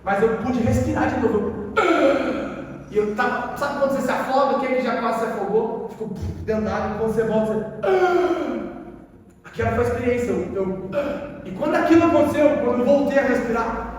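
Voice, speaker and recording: A Brazilian man with an extremely high, expressive voice preaches at a moderate pace, sharing his personal conversion story as a sermon testimony. He speaks emotionally and conversationally, using casual slang and a Brazilian Portuguese accent. The recording sounds echoey, as if captured from far off in a hall.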